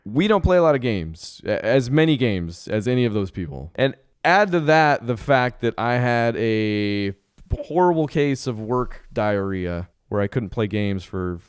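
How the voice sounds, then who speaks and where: Podcast host, male, smooth voice, very lively pitch, jokey rambling chat. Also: dry recording, clean studio sound. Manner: jokey, rambling, laughs often. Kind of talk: casual chat.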